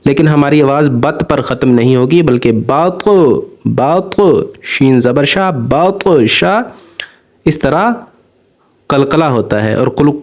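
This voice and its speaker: A man teaching Quran recitation, spelling out each letter and syllable and then drawing out the joined word slowly and patiently. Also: medium pitch, expressive, a little mellow.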